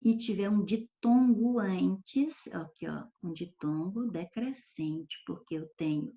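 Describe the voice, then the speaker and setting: A woman's voice: fairly low pitch, slow pace, warm tone, lo-fi sound. A woman teaching a grammar lesson patiently, often checking in with her students. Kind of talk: recorded online lesson.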